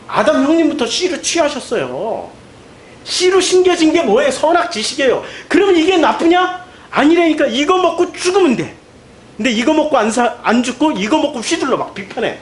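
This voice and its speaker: A male pastor delivering a sermon in an emphatic, animated way, full of rhetorical questions. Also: very high-pitched, slight background noise.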